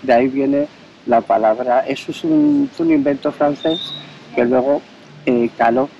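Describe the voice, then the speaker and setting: A man's voice: mid-range voice, steady tone, unhurried, vocal fry. A man from Spain conducting a street interview outdoors, asking leading questions and explaining his points at length. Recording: dull audio with faint street noise.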